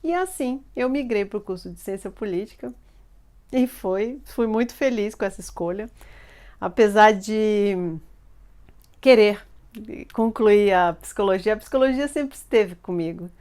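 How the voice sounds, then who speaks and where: A woman, telling a personal life story in an animated way and acting out the people she quotes. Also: medium pitch, a little slow, smooth.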